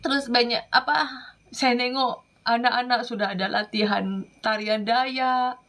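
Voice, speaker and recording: A woman from Madura, an evangelist, giving an earnest, emotional testimony that often drops into soft whispers. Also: fairly high pitch, steady tone, a little slow. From Madura, Indonesia.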